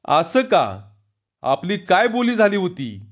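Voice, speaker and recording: A man voicing an angry, defiant village carpenter who answers back in rough rustic speech, on a dull lo-fi recording. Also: high voice, huge pitch swings, slow pace, voice pushed up, heavily acted. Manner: defiant, shouting.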